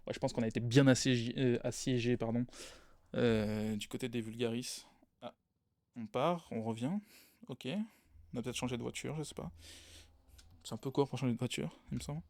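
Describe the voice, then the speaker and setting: A man's voice: medium pitch, steady tone, fairly quick, gravelly, pauses often, a little mellow, dry recording, clean studio sound. A man casting a video game match live for a stream, tired, rambling and correcting himself as he goes. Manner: rambling, self-correcting, laughs at own slips. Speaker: esports caster.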